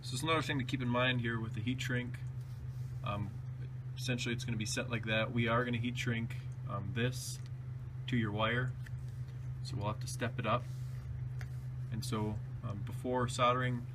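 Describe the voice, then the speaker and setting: In clearly noisy home-video sound, a man narrates a hands-on DIY how-to, relaxed and down-to-earth. His mid-range voice keeps a fairly even intonation and a moderate pace.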